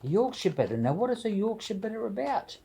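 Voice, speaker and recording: Laid-back guy, dark soft-edged voice, casual slangy vlog chat, chatty and jovial, rambles along. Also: high-pitched, big pitch swings, fast, gravelly, breathy edge. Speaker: homebrew video blogger.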